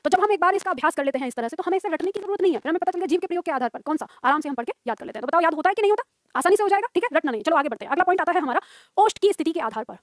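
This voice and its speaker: A woman's voice: very high-pitched, dry recording, studio quality. A woman teaching a Hindi grammar class. She dictates notes, repeats each line and quizzes her students. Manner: dictates slowly, repeats phrases, questions students.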